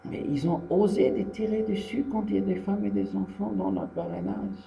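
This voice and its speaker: A rabbi from Tunisia gives a Torah lesson, telling the story in a lively way, acting out the dialogue and repeating the key phrases. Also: male voice, high voice, moderate pace, gravelly, echoey room. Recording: dull lo-fi archive recording with faint hum.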